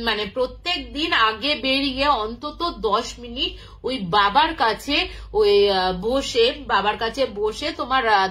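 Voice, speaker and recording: Her voice high and a little bright, a storyteller recounts an unscripted tale in a casual way. She halts as she talks, conversational throughout, and performs the characters' lines.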